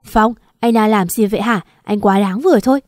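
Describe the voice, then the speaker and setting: A woman's voice: medium pitch, a little fast, no echo, clean studio sound, lightly acted. A woman voicing an angry, jealous young wife who accuses her husband. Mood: furious. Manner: shouting, accusing.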